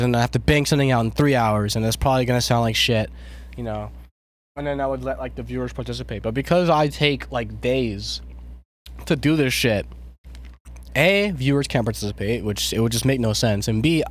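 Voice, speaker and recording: Sick, rambling man live-streaming. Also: mid-range voice. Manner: rambling, swears often, self-deprecating. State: sick with a cough, cough drop in mouth. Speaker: music producer streaming. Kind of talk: casual live-stream chat.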